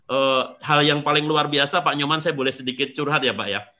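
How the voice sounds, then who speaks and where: A man, a seminar organizer telling stories in casual conversation, animated, acting out quoted voices and dropping soft for emotional parts. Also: on the high side, brisk.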